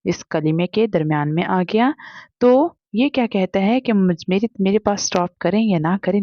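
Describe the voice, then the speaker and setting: A woman's voice: lowish voice, dry recording, highs cut off. Woman teacher patiently spelling out Arabic letters. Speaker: Quran reading teacher. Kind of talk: step-by-step spelling lesson.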